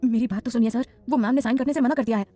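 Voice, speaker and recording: Timid male manager voiced by a woman, stammering, hesitant, higher voice. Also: very fast, dark tone, soft background music, natural voice. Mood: nervous.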